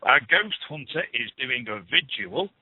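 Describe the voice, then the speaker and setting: A man's voice: medium pitch, sing-song, a little slow, slightly rough, dry recording. A man hosting a radio show, reading paranormal news with chatty, scoffing asides. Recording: phone-like lo-fi radio, dry.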